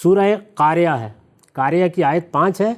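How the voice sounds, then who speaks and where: A man, a religious scholar, explaining a subject step by step in a measured, teacherly way and reciting verses slowly as examples. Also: a little high. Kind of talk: explanatory discussion answering questions.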